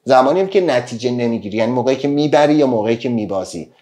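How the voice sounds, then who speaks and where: A man's voice: mid-range voice, lively intonation, dark tone. Man, self-help speaker on a live stream, earnest, full of rhetorical questions. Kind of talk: live-stream motivational talk.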